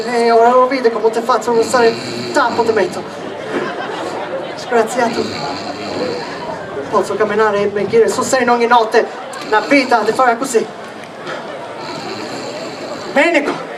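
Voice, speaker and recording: A man's voice: extremely high pitch, steady tone, unhurried, pauses often, a crowd in the background. A man playing a cranky, sleepless grumbler in a Sicilian dialect stage comedy, exasperated and repetitive. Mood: grumbling. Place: large hall, live stage. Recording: distant theatre hall recording, noisy audience.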